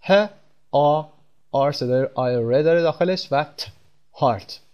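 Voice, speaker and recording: A man teaching English pronunciation in Persian, speaking slowly and repeating example words with stress. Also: mid-range voice, darkish tone, lo-fi sound. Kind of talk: pronunciation lesson.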